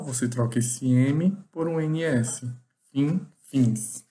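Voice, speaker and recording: Teacher, unhurried explaining, warm dark tone, grammar lesson. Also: medium pitch. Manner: slow, explanatory, repeats examples.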